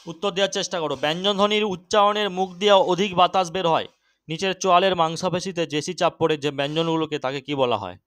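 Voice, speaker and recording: A young man teaching an exam-prep grammar lesson, often checking that students follow and urging them to answer quickly. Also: fairly high pitch, fairly bright tone, clean tone, dry recording. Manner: keeps checking understanding, urges quick answers.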